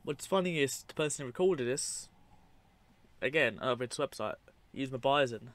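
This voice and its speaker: A man's voice: medium pitch, expressive, moderate pace, fairly bright tone, no echo. A man giving casual, unscripted commentary over clips, rambling and matter-of-fact with dry asides. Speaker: narrator of a film clip compilation.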